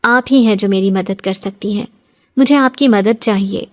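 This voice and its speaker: Narrator playing a young bride who talks back, blunt, fiery. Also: female voice, mid-range voice, close to an everyday voice. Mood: pleading. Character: bold defiant young bride.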